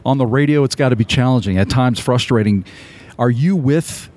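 A man interviewing a guest in a relaxed, joking, chatty way. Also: mid-range voice, moderate pace. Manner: jokey, chatty. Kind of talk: conversational interview.

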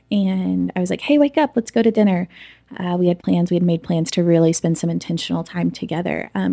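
A woman speaks in a low, slightly gravelly voice, recorded close and dry. She tells a personal story to an interviewer, candid and reflective, with plenty of ums and likes. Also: mellow, no echo. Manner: candid, reflective, with frequent fillers. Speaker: interview guest.

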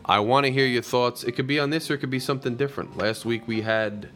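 A man's voice: medium pitch, steady tone, quick pace, fairly bright tone, faint music behind. A man hosting a live call-in show, talking in a rambling way with many fillers. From New Jersey. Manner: rambling, with frequent fillers and restarts. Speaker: host. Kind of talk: live call-in podcast talk.

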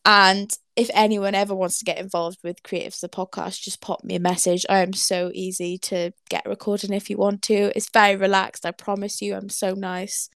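A bubbly Welsh woman hosts a casual podcast interview, her voice edged with a gravelly fry. She sounds enthusiastic and laughs often. The sound is close and dry. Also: medium pitch, flat delivery, normal speed, few pauses, a bit bright, no echo. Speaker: podcast host.

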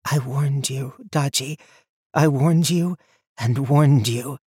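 A man voicing a woman under oath who speaks heavy and quiet. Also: mid-range voice, little pitch movement, normal speed, slightly rough, dry recording, clean studio sound, voice pushed up. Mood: solemn.

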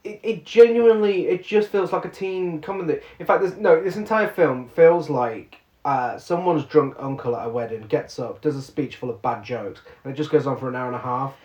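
A man's voice: a little high, normal speed, few pauses, darkish tone. Sarcastic man reviewing a film. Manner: sarcastic, laughs often, reads trivia aloud. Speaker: podcast co-host. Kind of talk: casual film review chat. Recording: roomy, muffled sound.

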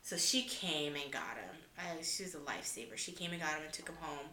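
A woman tells her stories in a casual, animated way, laughing often and acting out what people said. Her voice sits a little low but sounds bright and forceful. The sound carries a noticeable room echo. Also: a little fast, a little hiss or hum. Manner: animated, laughing, acts out quotes. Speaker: podcast guest. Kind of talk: casual storytelling chat.

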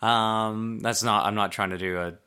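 A man's voice: fairly low pitch, steady tone, moderate pace, sharp tone, clean tone. A man hosting a podcast in casual chat, rambling along with lots of fillers and the odd swear word. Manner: loose, rambling delivery with frequent fillers and swearing. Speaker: podcast host.

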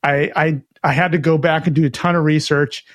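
A man co-hosting a podcast who talks in an upbeat, chatty way and often restarts his sentences. His speaking voice sits quite high for a man. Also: fairly even intonation, fairly quick, dry recording, clean studio sound. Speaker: podcast co-host. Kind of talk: casual chat.

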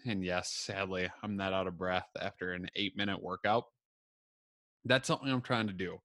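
A man's voice: deep voice, fairly even intonation, normal speed, fairly bright tone, dry recording, clean studio sound. A man hosting his own podcast, talking casually and chattily with a self-deprecating, upbeat manner, a little out of breath. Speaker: podcast host. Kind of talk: casual solo podcast talk.

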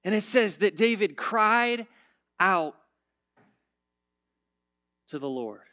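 A man's voice: sits high, animated, slow, no room sound, studio quality. A man preaching a casual, conversational sermon, telling stories and turning emphatic as he reads scripture. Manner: storytelling, swings from quiet to emphatic.

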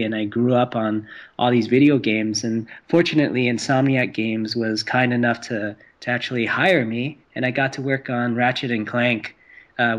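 A man's voice: medium pitch, highs cut off. A man from Hong Kong, a game developer being interviewed, friendly and eager with frequent restarts. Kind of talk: casual podcast interview.

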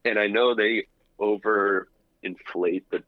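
A man's voice: fairly low pitch, steady tone, slow, dry recording. A man co-hosting a casual podcast by phone from his apartment, his call played back into the studio, rambling through stories and restarting words. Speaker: podcast co-host calling in. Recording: dull lo-fi phone line.

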